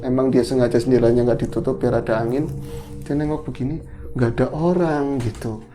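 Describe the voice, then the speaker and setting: A man hosting a casual horror storytelling chat, animated and acting out the dialogue he recounts. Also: mid-range voice, a little fast, over music. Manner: animated, acts out quoted dialogue. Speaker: podcast host.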